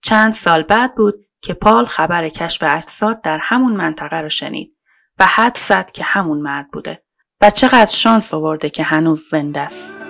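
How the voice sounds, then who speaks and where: Female podcast narrator, true-crime reading, casual measured delivery, some vocal fry. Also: on the low side, a bit bright. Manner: colloquial, measured storytelling.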